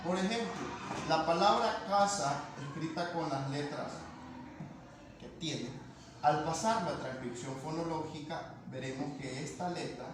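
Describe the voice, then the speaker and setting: A man's voice: a little high, a little slow. A man teaching a language lesson, explaining patiently and checking in with his students. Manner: patient, repeats points and asks ¿verdad?. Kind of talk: classroom lesson explaining phonetics. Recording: echoey room with faint noise.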